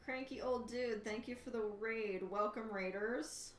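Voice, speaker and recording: A woman's voice: on the high side, steady tone, moderate pace, distant mic. A woman livestreaming a game, thinking aloud and chatting to viewers with dry, wry humor. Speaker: livestreamer hosting a charity gaming stream. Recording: roomy echo, off-mic, faint background noise.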